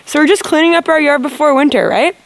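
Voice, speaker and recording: A woman's voice: sits high, steady tone, quick pace. A woman in her thirties chatting to viewers outdoors in a wooded yard, filming herself at arm's length and laughing often. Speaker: vlogger. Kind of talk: casual vlog narration. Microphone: handheld camera at arm's length.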